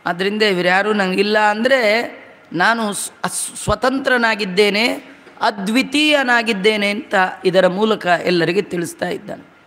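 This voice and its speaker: Male discourse speaker, high voice, verse chanting with conversational asides, reverberant hall. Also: pushed and bright. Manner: slow chanting of verses, then brisk conversational explanation. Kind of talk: Kannada religious discourse with Sanskrit verse recitation.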